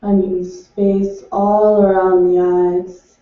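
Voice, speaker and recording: Slow, soothing woman guiding a meditation. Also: fairly low pitch, little pitch movement. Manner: slow, soothing, unhurried instructions. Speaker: meditation guide. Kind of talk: guided meditation. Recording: distant, echoey and dull.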